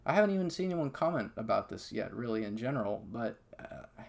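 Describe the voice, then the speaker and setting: A man with a gravelly edge to his mid-pitched voice tells his own story in a loose, animated way. He keeps checking in with little "okay?"s and scatters "like" through his sentences. He sounds like casual first-person storytelling. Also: fairly quick. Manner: animated, conversational, heavy fillers like "okay?" and "like". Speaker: patient sharing his story.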